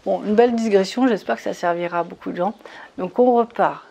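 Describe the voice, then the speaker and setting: A woman's voice: mid-range voice, a little fast, vocal fry, warm tone, husky. A woman leading a guided meditation talk for retreat participants, coaxing and soothing, often checking in with her listeners. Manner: soothing, leads step by step. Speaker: spiritual retreat leader.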